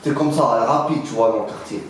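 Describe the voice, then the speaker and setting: A man's voice: mid-range voice, brisk, natural voice. Echoey man playing a slangy French street dealer. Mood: boastful, streetwise. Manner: slangy, rambling, punctuated with filler address words. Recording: very echoey room, faint noise.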